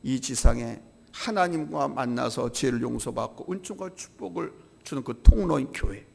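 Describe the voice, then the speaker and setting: A middle-aged man preaching a sermon as pastor, emphatic, with sharp swings from hushed asides to loud, stressed phrases. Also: medium pitch, lively intonation, normal speed, gravelly, breathy edge, long reverb tail. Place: church sanctuary.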